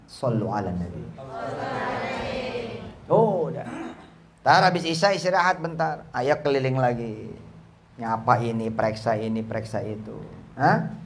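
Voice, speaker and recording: A man preaching a lively, joking sermon at a boarding school gathering, telling stories in casual speech. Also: measured pace, pauses often, slight background noise. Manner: jokey, acts out quoted voices with big pitch jumps.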